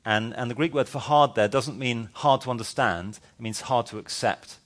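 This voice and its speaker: A man's voice: mid-range voice, moderate pace, a bit bright. A male pastor preaching a verse-by-verse sermon, conversational and emphatic, with wry sarcastic asides. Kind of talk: expository sermon.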